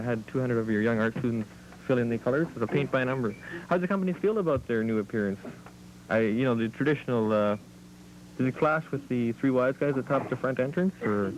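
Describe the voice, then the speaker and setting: A man hosting an amateur comic talk show, introducing guests with mock-formal, deadpan patter. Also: medium pitch, fast talker, a little hiss or hum, poor audio.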